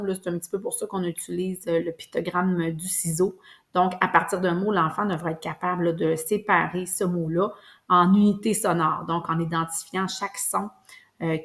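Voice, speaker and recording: A woman's voice: lowish voice, a bit bright. A woman, a preschool teacher patiently explaining a lesson, with frequent hesitations. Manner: patient, careful, many fillers.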